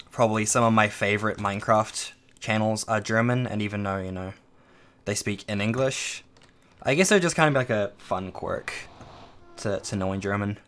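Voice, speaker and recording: Streaming a game from home on a desk microphone, a man chats casually, rambling with lots of ums and trailing asides as he reads and answers his chat. His voice sits fairly low with a fairly bright tone. There's a little hiss or hum.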